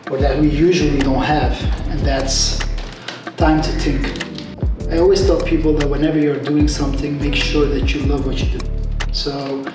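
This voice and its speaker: A relaxed man rambling to camera in an echoey room. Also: fairly high pitch, moderate pace. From Netherlands. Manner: relaxed, rambling, loose non-native phrasing. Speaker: entrepreneur vlogger. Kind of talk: casual vlog talk to camera. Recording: echoey room with music behind.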